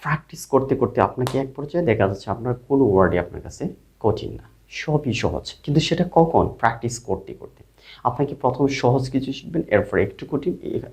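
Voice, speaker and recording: A man teaching an English spelling and sound lesson online, asking questions and answering them himself, repeating each sound slowly. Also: medium pitch, darkish tone. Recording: dull lo-fi recording.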